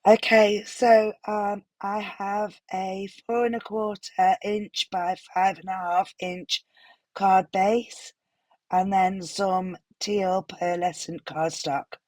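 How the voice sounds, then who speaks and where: A woman with a hoarse, unwell voice, gently narrating a craft tutorial voiceover with some apologetic pauses. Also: medium pitch, little pitch movement, dry recording. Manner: gentle, apologetic, stops for fillers. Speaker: card-making tutorial host.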